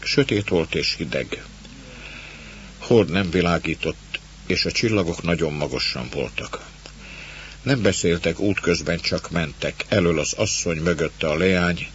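A man with a very low, deep voice narrates a literary tale in a calm, measured manner. The sound is dull and lo-fi. A faint hum runs beneath it. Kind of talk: scripted narration of a literary story.

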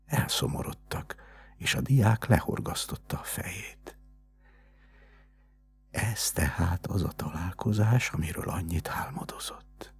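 A man with a very deep, gravelly voice reads a story in measured, hushed narration. His tone is husky and breathy, and his pitch moves expressively. Soft music plays faintly underneath. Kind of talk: scripted narration.

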